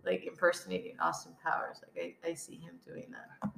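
Woman cohosting a podcast, gravelly fry, cracking jokes, lots of ums, roomy echo. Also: fairly low pitch, monotone, fairly quick, a bit bright. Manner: joking, rambling with many fillers. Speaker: podcast co-host. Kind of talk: casual chat.

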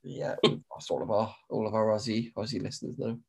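A man's voice: fairly low pitch, brisk, creaky, husky. A man co-hosting a podcast in a casual, informal and loosely rambling chat style. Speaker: podcast co-host.

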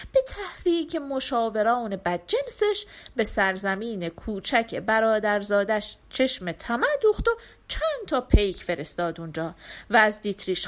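A woman storyteller narrating a folk tale in a scripted, dramatic reading. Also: medium pitch.

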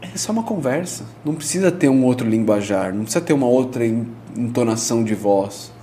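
A man, a pastor explaining in a relaxed conversational way, using everyday examples and frequent tag questions. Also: medium pitch, fairly quick, slight background noise. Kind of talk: conversational teaching on prayer.

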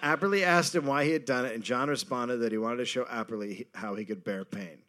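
A man's voice: medium pitch, fast, bright, forceful tone, slight background noise. A man hosting a comedy podcast who tells a history story in a casual way, reads passages aloud, and often breaks into laughter.

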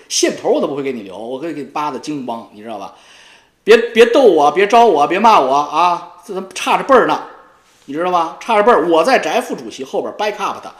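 A man rants in a taunting, profane monologue, as a YouTube commentator goes after a rival. His voice sits a little high and swings widely in pitch. The recording has a roomy echo. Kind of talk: ranting monologue.

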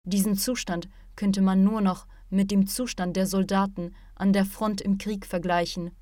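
A woman reading an audiobook, voicing a calm, wise male martial arts teacher who lectures patiently and at length. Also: mid-range voice, moderate pace, no echo, clean studio sound, lightly acted. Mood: explaining.

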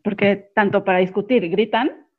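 Expressive woman telling stories, lo-fi sound. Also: medium pitch, moderate pace. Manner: expressive storyteller, laughs often. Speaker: guest sharing her experience. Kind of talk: casual group chat.

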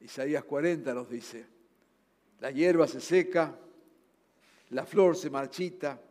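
A man with a Rioplatense Spanish accent preaching a sermon. He urges his listeners earnestly, rising loud and then dropping to soft, low passages. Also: slow. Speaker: pastor. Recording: long hall reverb.

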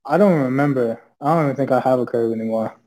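A man's voice: mid-range voice, quick pace, dark tone. A young man joining a podcast as a guest over a call on earbuds, hesitant and full of questions. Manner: hesitant, asks lots of questions. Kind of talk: casual chat.

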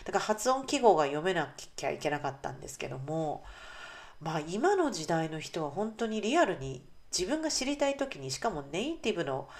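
A woman's voice: on the low side, sing-song, a little fast. A woman hosting her own podcast as an English coach, talking casually to listeners with frequent fillers and friendly asides. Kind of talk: casual solo podcast talk.

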